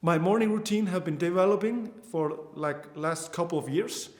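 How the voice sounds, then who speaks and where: This course instructor is an Icelandic man in his twenties with an Icelandic accent, and his high-pitched voice moves at a normal speed in a reverberant space. He teaches online earnestly, frequently restarting his sentences and using fillers.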